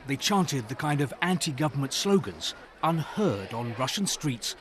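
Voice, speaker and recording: Man reporting news over clear background noise. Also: mid-range voice, very animated. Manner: measured, solemn delivery in short phrases. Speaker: TV news correspondent. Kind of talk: scripted news report narration.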